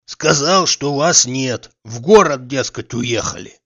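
Man voicing old manservant, hoarse, gruff, stubborn, loud, blunt, storybook, dull lo-fi sound. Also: medium pitch, slow pace.

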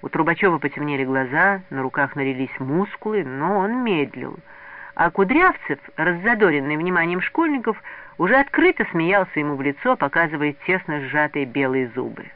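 Lively man reading a story. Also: fairly high pitch, normal speed. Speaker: narrator. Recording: narrow lo-fi radio recording.

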